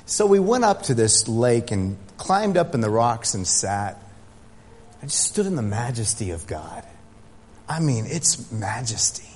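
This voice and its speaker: A man's voice: mid-range voice, very animated, a little slow, slight background noise. A man preaching a sermon as pastor, speaking emphatically to his congregation. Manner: building from quiet prayer to loud, emphatic preaching. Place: church sanctuary. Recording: long hall reverb.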